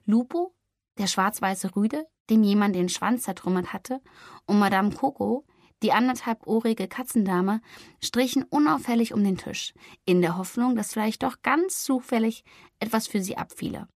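A woman's voice: mid-range voice, no room sound. Woman narrating a novel, dry close sound. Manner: calm, measured storytelling. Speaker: audiobook narrator. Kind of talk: scripted narration.

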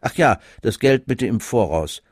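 A man's voice: medium pitch, expressive, unhurried, husky, dry recording, studio quality. A man voicing a brash young male student who works as a hired Santa, lecturing in a cheeky, matter-of-fact way. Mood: smug lecturing.

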